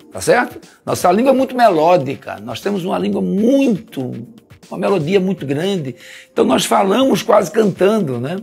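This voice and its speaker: A man's voice: on the high side, gravelly, husky. A Brazilian man teaching a Portuguese grammar lesson, explaining step by step and often checking with "tá certo?", stretching out key syllables. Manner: didactic, keeps asking "tá certo?"; sing-song, stresses syllables slowly.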